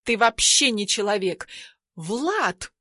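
A woman reader voicing a haughty, spiteful young woman who yells and sneers in an audiobook. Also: medium pitch, very animated, slow pace, no echo, clean studio sound, heavily acted. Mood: furious.

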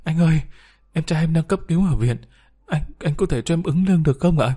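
A man's voice: fairly high pitch, fairly quick, warm tone, slightly rough, voice pushed up. A man voicing a poor young waitress who speaks politely and pleads anxiously. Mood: pleading. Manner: polite, pleading, respectful particles.

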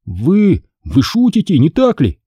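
A man doing a jittery boy who stammers and blurts in a raised, lively voice. The timbre stays dark and husky, recorded close and dry. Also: high-pitched, moderate pace, no echo, lo-fi sound, pitched above the performer's own voice. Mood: anxious. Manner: stammering, excited. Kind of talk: audiobook character voice.

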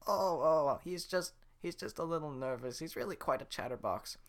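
A man's voice: on the high side, lively intonation, normal speed, a bit bright, pitched above the performer's own voice. A man doing a flustered old peasant woman. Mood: pleading. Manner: flustered, pleading. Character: pleading old woman selling a donkey.

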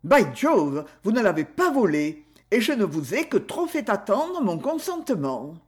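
Kindly old English lord, courteous and genial, slow delivery; woman reader puts him on. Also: medium pitch, big pitch swings, a little mellow.

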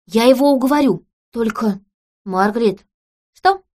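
A woman reading an audiobook, voicing a calm, earnest young woman who speaks in a serious, matter-of-fact way. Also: on the high side, unhurried, voice pushed up.

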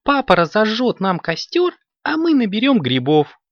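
A man's voice: high voice, wildly swooping pitch, no room sound, pitched above the performer's own voice. Karamelka, a man doing a chirpy girl kitten. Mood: delighted. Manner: bright, chirpy, quick-witted. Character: clever little girl kitten. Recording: dull lo-fi recording.

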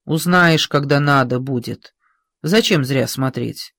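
An audiobook reader voicing a calm, blunt soldier at the controls of an armored train, talking a nervous comrade down. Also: medium pitch, slow pace, dry recording, clean studio sound. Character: steady, gruff soldier driving an armored train. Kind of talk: audiobook character reading.

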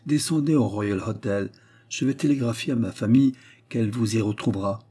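A man voicing a feverish, restless young gentleman who talks in agitated, breathless bursts in an audiobook. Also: on the low side, fairly quick, husky. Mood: feverish, rambling. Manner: agitated, breathless, rambling speech. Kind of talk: audiobook character reading.

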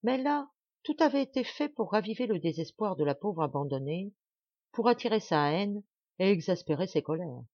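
A woman narrating a classic novel as an audiobook in a measured, expressive reading. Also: mid-range voice, breathy edge, no room sound, dull audio. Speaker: audiobook reader.

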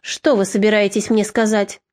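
A woman's voice: medium pitch, level tone, normal speed, a little mellow, close to an everyday voice. A woman voicing a frightened young woman who pleads. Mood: pleading.

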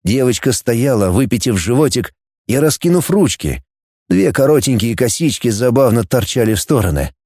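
Expressive male audiobook narrator. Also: medium pitch, moderate pace, slightly rough, no room sound, studio quality. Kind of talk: scripted narration.

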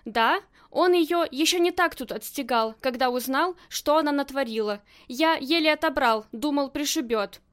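A loving husband in an audiobook, tender with his wife and blunt with everyone else, as a woman reads him. The voice sits high and light. He barks short orders. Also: normal speed, few pauses, a bit bright. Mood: insistent. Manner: tender, then gruff and commanding. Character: adoring husband, gangland boss's man.

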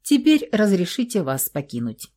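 A woman's voice: mid-range voice, sing-song, normal speed, warm tone. A woman reading aloud and voicing a formal, businesslike male police investigator.

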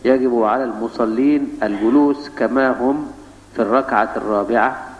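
A man slowly reading aloud worshippers' written questions in a formal, measured way. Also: mid-range voice, slight background noise. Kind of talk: slow formal reading of letters. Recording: distant, roomy, dull mosque recording.

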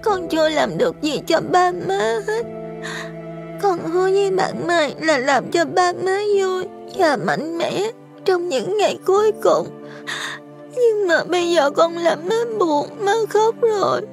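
A man's voice: very high-pitched, animated, a little slow, gravelly, music in the background, voice pushed up, full character voice. A man voicing a frightened little ghost girl in a borrowed child's body, tearful and stammering. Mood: tearful pleading. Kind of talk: audio storytelling.

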